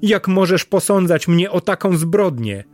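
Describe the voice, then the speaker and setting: A man's voice: mid-range voice, slow, soft background music, natural voice. A man voicing a loyal, wise female talking parrot who speaks in a courtly, imploring way. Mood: pleading.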